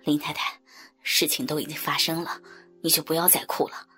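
A woman voicing a flustered young man who murmurs apologies in a low, half-whispered voice. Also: little pitch movement, a little fast, pushed and bright, breathy edge, faint music behind, heavily acted. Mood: coaxing.

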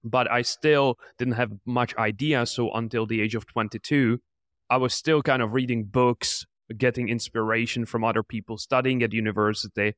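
A Czech entrepreneur in his twenties appears as a podcast guest, answering interview questions earnestly and motivationally. His medium-pitched voice is a bit bright, with fairly even intonation and a moderate pace, captured in clean studio sound with no room noise.

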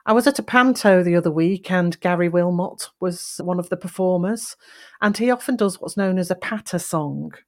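Give me a lower-voiced woman coaching on speech, deliberate and varied. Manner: deliberate, with demonstrated emphasis and varied pacing. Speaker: voice coach podcast host. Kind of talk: instructional podcast talk.

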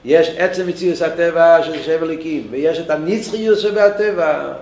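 Man, Torah teacher, high voice, roomy echo, halting restarts. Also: darkish tone. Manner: thinks aloud with many restarts.

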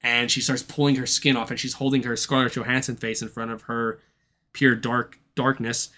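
A man's voice: medium pitch, flat delivery, moderate pace, pushed and bright. A man co-hosting a casual podcast, giving a loose, profane recap of a film's plot. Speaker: podcast co-host. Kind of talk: casual chat.

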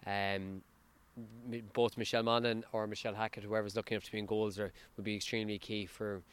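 A man's voice: lowish voice, level tone, fast, clean tone. A man with a west of Ireland accent giving an off-the-cuff interview as a sports coach, hesitating and repeating words as he finds his phrasing. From County Sligo, west of Ireland. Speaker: football team coach.

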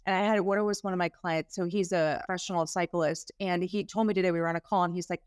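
A woman's voice: on the low side, fairly even intonation, fast talker, clean tone, no room sound, studio quality. A woman health practitioner, a guest on a podcast interview, telling stories about her clients with enthusiasm.

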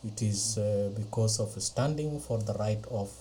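A middle-aged man from Ethiopia, not a native English speaker, slowly recounting his life in a podcast interview with many pauses and fillers. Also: on the low side, mellow, a little hiss or hum, rough recording. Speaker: interview guest. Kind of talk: slow personal testimony. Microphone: podcast interview mic.

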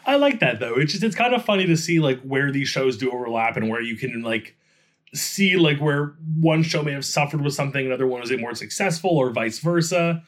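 A man co-hosting a podcast in casual chat, relaxed and making joking asides. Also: medium pitch, brisk. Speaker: podcast co-host.

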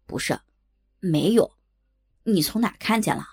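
A woman voicing an eager, cheeky young man in a storybook reading, in a lowered voice. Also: lively intonation, moderate pace, a little mellow, husky, no echo. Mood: defensive.

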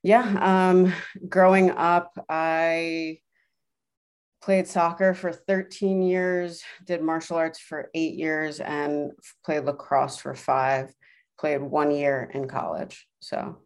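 A woman's voice: low voice, fairly even intonation, slow. A woman speaking as a podcast guest, casually telling her own story in an interview.

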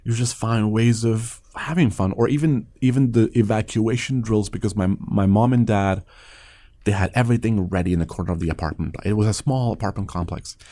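Thoughtful man, low mellow voice. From Afghanistan. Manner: measured, many hesitations and restarts. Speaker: guest. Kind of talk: reflective interview storytelling.

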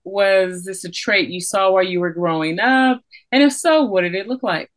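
A woman's voice: medium pitch, normal speed. A woman hosting an interview podcast, reading a scripted intro and then asking encouraging questions. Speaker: podcast host.

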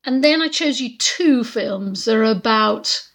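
Gravelly-voiced woman hosting a podcast. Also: a little high, expressive, measured pace, a bit bright. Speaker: podcast host. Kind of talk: introducing clips on a podcast.

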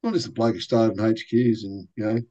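An older man, a racing driver guest, telling lively anecdotes and acting out quoted voices in a casual interview. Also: lowish voice, quick pace, muffled recording.

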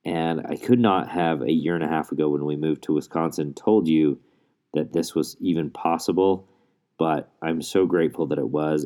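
A man's voice: a bass voice, dark tone. A male podcast host talking in an earnest, rambling way, recorded under a blanket in a closet so his voice is muffled. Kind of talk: casual solo podcast monologue.

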